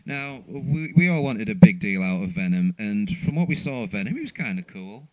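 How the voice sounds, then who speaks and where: A man's voice: on the low side, big pitch swings, brisk, darkish tone, no room sound, low-quality recording. A man co-hosting a casual podcast chat, chatty and stumbling over his words. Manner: chatty, laughs along, repeats words. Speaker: podcast co-host.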